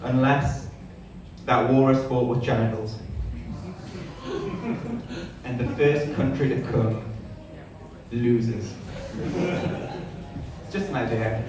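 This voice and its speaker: A young man performs a stand-up comedy set. His delivery is hesitant and self-deprecating, wandering between bits. The live recording is distant and heavily reverberant, with clear audience sound around him. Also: medium pitch, fairly even intonation, slow, long pauses, over a noisy crowd. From Newcastle, northern England. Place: small sparsely filled comedy venue. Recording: echoey live room, distant mic, audience noise.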